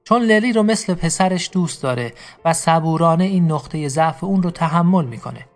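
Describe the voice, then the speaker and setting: A man's voice: fairly high pitch, expressive. A man narrating a dramatic story, speaking directly to his listeners.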